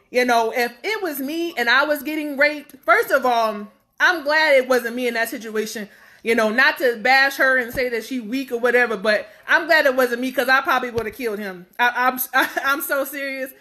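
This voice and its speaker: A woman in her thirties vlogging straight to camera, with a rather high, bright and forceful voice. She rambles and speaks bluntly, leaning on fillers as she goes. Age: 30s. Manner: blunt and outspoken. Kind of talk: casual talk to camera.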